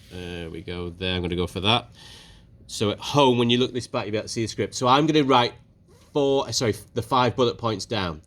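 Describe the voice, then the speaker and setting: A man teaching a French speaking lesson to his class, brisk and encouraging, putting questions to the pupils. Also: mid-range voice, a bit bright. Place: school classroom.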